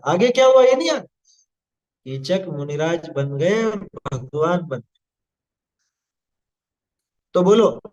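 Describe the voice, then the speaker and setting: A man giving a spoken religious discourse as a scripture teacher, explaining patiently and often checking with listeners that they follow. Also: high-pitched. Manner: explains patiently, asks listeners "है ना?" and "आया समझ में?".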